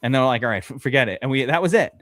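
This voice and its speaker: An American podcast host drafts fantasy football on a casual live stream, telling a long, rambling story packed with swearing and fillers. His mid-range voice is expressive and a bit bright, and he talks very fast. The studio-quality recording has no room sound.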